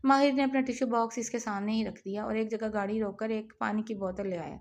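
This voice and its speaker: A woman reads a dark romance novel aloud in a steady, measured storytelling manner. Her voice sits fairly high. The delivery stays even and scripted throughout. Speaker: audiobook narrator.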